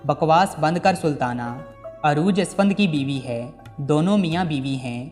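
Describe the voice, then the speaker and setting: A man's voice: fairly high pitch, normal speed, darkish tone, close to an everyday voice. A man voicing a stern, fair-minded older uncle in a storybook reading, with a reproachful manner. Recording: long reverb with background music.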